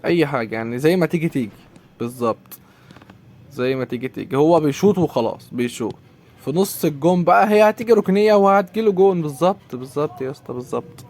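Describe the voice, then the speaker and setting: A man's voice: on the high side, expressive, quick pace, a little mellow. A young man with an Egyptian Arabic accent commentating his own football video game match, exasperated and repeating his complaints. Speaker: gaming YouTuber.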